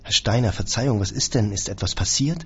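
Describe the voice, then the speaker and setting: A man's voice: fairly low pitch, fairly quick, breathy edge, muffled recording. A man voicing a dutiful male caretaker who sounds anxious and apologetic. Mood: worried.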